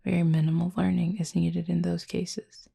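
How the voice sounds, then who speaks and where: A woman voices a gentle adult Cupid roommate in an intimate ASMR audio roleplay, her low, soft, breathy, husky voice often dropping near a whisper. She tells the story slowly and formally in a level tone with soft pauses, fully in character, calm and explanatory, while the Cupid comes across as wistful, affectionate, and softly teasing.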